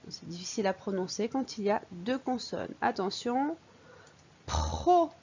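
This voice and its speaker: A woman's voice: medium pitch, normal speed, a little mellow, breathy edge. A woman, teaching early reading to young children and patiently sounding out syllables. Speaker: primary school teacher. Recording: dull lo-fi recording.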